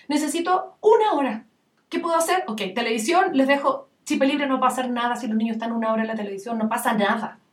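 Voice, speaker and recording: A middle-aged Chilean woman talks through parenting advice in a brisk, animated way, slipping into lively voices for little scenes. Her voice sits a touch high and comes from some distance off the mic. The room around her rings with echo. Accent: Chilean Spanish. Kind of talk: casual parenting advice chat.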